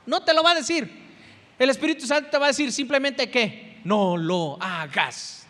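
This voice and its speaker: A man with a Mexican Spanish accent preaching a sermon as pastor, swinging between loud exhortation and soft, intense passages. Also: extremely high pitch, expressive, moderate pace. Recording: church hall with long reverb.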